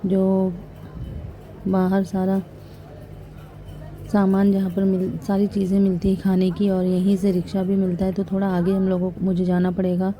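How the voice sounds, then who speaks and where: A woman from talking casually through her day as a vlogger, chatty and lively around children. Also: mid-range voice, normal speed, long pauses. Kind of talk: casual vlog narration. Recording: phone recording with street noise.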